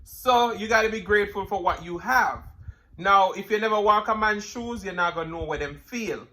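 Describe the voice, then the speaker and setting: Jamaican male mukbang vlogger, high bright voice, emphatic life advice between bites of crunchy fried chicken. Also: moderate pace. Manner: eating crunchy fried chicken between phrases, with murmured mms; emphatic, repeating phrases, preacherly encouragement. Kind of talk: casual motivational talk to viewers.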